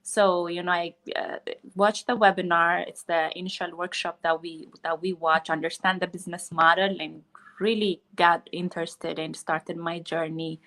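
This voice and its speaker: A woman's voice: lowish voice, little pitch movement, normal speed, fairly bright tone. A woman in her thirties from Ethiopia, a guest telling her career story in an earnest, conversational way with many fillers and restarts. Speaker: interview guest. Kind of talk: conversational interview.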